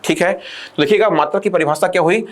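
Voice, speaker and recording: Man teaching, drilling with rhetorical questions. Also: high voice. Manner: drills points with repeated rhetorical questions, slows to dictate definitions. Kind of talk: exam-prep classroom lecture.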